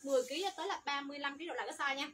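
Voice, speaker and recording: A woman selling children's clothes on a livestream, rattling off product codes and sizes in an upbeat sales pitch. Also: racing, fairly bright tone, slight background noise.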